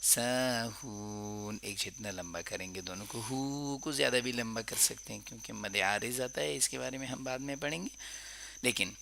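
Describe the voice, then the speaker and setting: A man teaching Quran recitation, drawing out verses slowly and repeating wrong and right forms to correct pronunciation. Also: medium pitch, creaky, pushed and bright, slight background noise. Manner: slow drawn-out recitation between quick explanations. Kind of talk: tajweed lesson.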